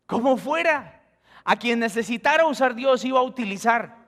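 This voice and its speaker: A Colombian man with a high, bright voice preaches a storytelling sermon from the pulpit. He acts out the dialogue of his story and jumps into high exclamations. A long church reverb trails every phrase. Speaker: pastor. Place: church sanctuary.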